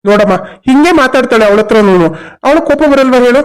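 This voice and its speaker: A performer voicing a concerned young husband and brother in a cartoon story, talking in quick, protective reassurances. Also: sits high, clear, resonant tone, lightly acted.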